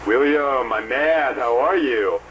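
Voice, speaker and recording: A man's voice: mid-range voice, takes it slowly, a bit bright, slight background noise. An actor playing a casual, flippant male accomplice in a dramatized phone call. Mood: breezy. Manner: flippant, nonchalant.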